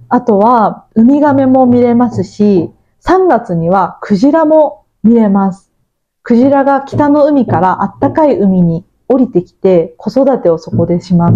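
A woman from Tokunoshima, hosting a Japanese listening-practice lesson, explaining things clearly and often asking her listeners questions. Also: medium pitch, dark tone, dull audio. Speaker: Japanese teacher and podcast host.

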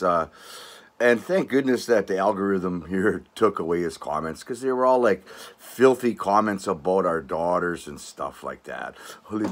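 An older man from Canada hosting his own channel, ranting at viewers with sarcastic, mocking scorn, rambling with restarts and tag questions like "eh" and "all right". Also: deep voice. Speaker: channel host.

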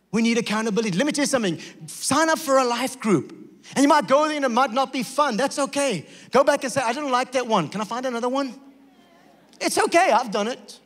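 A male pastor preaching a sermon in a church, telling stories and acting out voices with lively energy. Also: sits high, big-room sound. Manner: animated storytelling with acted-out voices. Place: church sanctuary.

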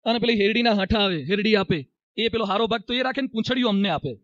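A man's voice: high voice, quick pace, no echo, muffled recording. A man, a monk, preaching a sermon with a Gujarati accent and acting out stories as he tells them. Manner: animated storyteller, acts out dialogue. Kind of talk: sermon with storytelling.

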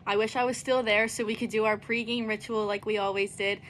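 A woman records an earnest, encouraging message, stringing her thoughts together in one long breath. A faint low rumble sits behind her voice. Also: steady tone, brisk, a bit bright. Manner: earnest and encouraging, run-on sentences. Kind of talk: heartfelt recorded video message.

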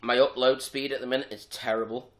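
A young man chats casually in his home vlog. His voice sits at an ordinary middle pitch. He talks in a relaxed, rambling way, often with restarts. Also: brisk. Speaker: vlogger.

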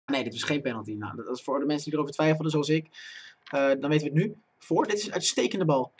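A young man giving live commentary on his own football game, chatting to viewers and breaking into loud excited yells at big chances. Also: a little high, fast talker, husky. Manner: talks to himself and chat, bursts into loud excited shouting at chances. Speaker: gaming streamer. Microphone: desk microphone.

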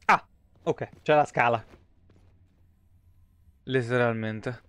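A man's voice: mid-range voice, slow pace, a bit bright, clear, resonant tone, no room sound. A man with an Italian accent giving casual, sarcastic live commentary on a game he is playing, swearing freely and talking back at the characters. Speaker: gaming streamer.

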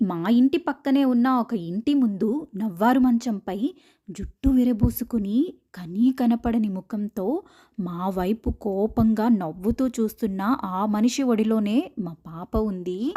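A young woman telling a true ghost story as a first-person narrator, with a mid-range voice. She builds suspense by dropping to a hush and then suddenly raising her voice at the tense moments. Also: medium pitch.

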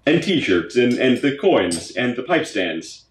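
A man's voice: mid-range voice, sing-song, slow pace, a little hiss or hum. A man hosting a casual unboxing vlog, talking enthusiastically and repeating his words as he goes through a gift box. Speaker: pipe tobacco channel host. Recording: roomy echoey room sound.

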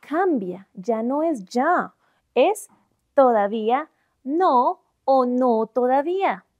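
A young Colombian woman teaching Spanish grammar, giving examples slowly and clearly in Spanish and English. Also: high voice, expressive, no echo, phone-quality sound. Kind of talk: bilingual grammar lesson.

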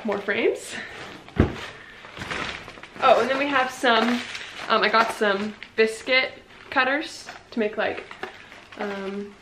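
A chatty young woman talks into a handheld camera, walking through her house. Her voice sits a little high for a woman. She is upbeat and casual and keeps slipping in "like" and "um". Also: slow, long pauses, background noise. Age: young adult. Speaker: vlogger. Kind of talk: casual home vlog chat. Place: living room, then walking through a house, indoors. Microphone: on-camera mic, camera handheld at arm's length.

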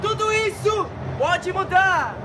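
Man acting a very high-pitched eager show storyteller. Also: lively intonation, slow pace, exaggerated voice. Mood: eager, suspenseful. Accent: Brazilian. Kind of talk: theatrical live show for children. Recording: loud crowd and noise over live show.

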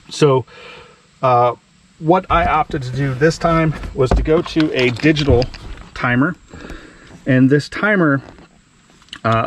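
Man, mid-range voice, casual DIY host thinking aloud outdoors, body-cam sound, faint background noise. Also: mid-range voice. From Ohio. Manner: plain conversational, thinks aloud with fillers. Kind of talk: casual how-to explanation. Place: outdoors in a wooded yard.

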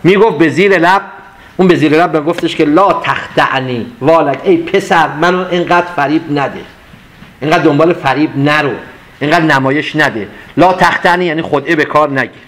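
A man giving a classroom lecture on mystical poetry, reciting verses slowly and then explaining them in a conversational way. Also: fairly high pitch, steady tone, fairly bright tone.

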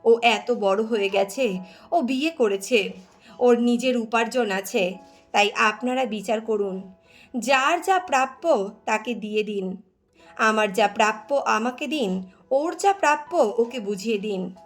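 A woman's voice: on the high side, unhurried, faint music behind. A woman voicing a stern, firm older brother in a story.

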